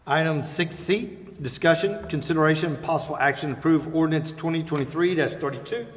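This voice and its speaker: Presiding over a public meeting, an American man reads agenda items formally and briskly in a slightly high voice. The council chamber is echoey, with clear background noise in the recording.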